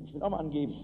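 A man preaching an evangelistic sermon to a hall, telling stories from his own life and breaking into acted shouts. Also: fairly high pitch. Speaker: pastor. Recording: tinny lo-fi hall recording with hiss.

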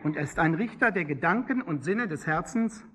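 Male preacher, fairly high voice, emphatic sermon delivery with swelling and dropping phrases. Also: lively intonation, normal speed, fairly bright tone, a little hiss or hum. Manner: emphatic, rising and falling preaching cadence.

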